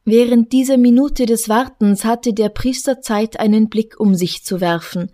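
A woman narrating a literary story in a calm, measured reading voice. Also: on the high side. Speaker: audiobook narrator.

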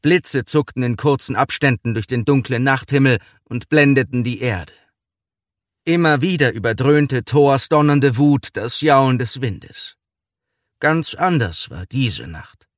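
A man's voice: medium pitch, animated, unhurried, dry recording. Male audiobook narrator, very dry sound. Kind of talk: scripted literary narration.

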